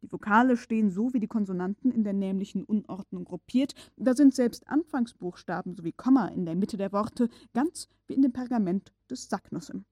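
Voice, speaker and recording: A gruff old professor, fixated on a puzzle and commanding in tone, as a woman reads him in an audiobook. The voice sits in a middle register and sounds dry and close, with no room around it. He snaps into furious shouts when frustrated. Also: medium pitch, a little fast, hardly any pauses, no room sound, lightly acted. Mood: stern. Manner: stern, commanding, bursts into shouts. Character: gruff, obsessive old male professor uncle. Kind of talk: audiobook character reading.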